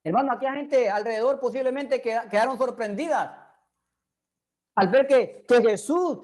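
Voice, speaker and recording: High-voiced woman preaching a sermon. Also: normal speed, darkish tone. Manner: earnest, addresses listeners directly with questions.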